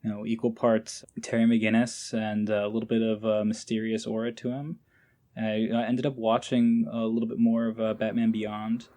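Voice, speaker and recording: Mellow and fairly low-pitched with little pitch movement, a man speaks at a moderate pace as a podcast guest. An amateur voice actor, he chats casually, informally and somewhat hesitantly, with enthusiasm.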